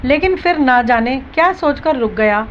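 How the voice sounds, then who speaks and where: A high-pitched woman narrates a dramatic family story, voicing its characters' dialogue in her own voice as she goes. The recording sounds a little dull, with a faint hiss of room noise behind her. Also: animated, normal speed.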